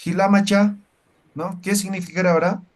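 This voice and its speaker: A man's voice: high-pitched, steady tone, brisk. A man teaching a language class. He explains step by step and keeps checking with the students through short questions. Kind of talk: classroom lecture.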